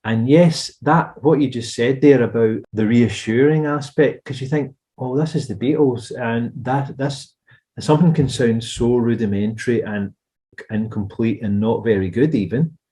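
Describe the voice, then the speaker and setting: A man's voice: medium pitch, moderate pace, dark tone. A Scottish man co-hosting a music podcast, talking casually and rambling into asides. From Scotland. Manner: chatty, rambling, trails into asides. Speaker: podcast co-host. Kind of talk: casual chat.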